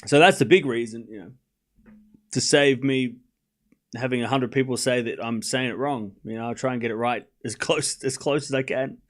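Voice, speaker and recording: Calling live tennis points on his stream, a young Australian man chats casually with viewers in a mid-range voice at a moderate pace. He's relaxed and rambly, reading chat messages aloud, replying, and swearing in an offhand way.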